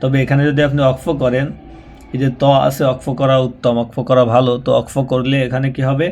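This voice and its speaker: A man teaching Quran reading. He spells out syllables slowly and patiently, repeating them and drawing them out as he demonstrates. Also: medium pitch, flat delivery, a little mellow. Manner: patient, repetitive, slows down and draws out syllables when demonstrating. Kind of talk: spoken tutorial, spelling out and chanting syllables.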